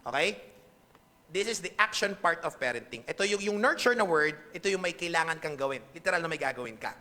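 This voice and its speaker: A man's voice: on the high side, lively intonation, a little fast, sharp tone. A pastor with a Filipino accent preaching a conversational sermon to his congregation, checking in with them often. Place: church hall. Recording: echoey hall reverb.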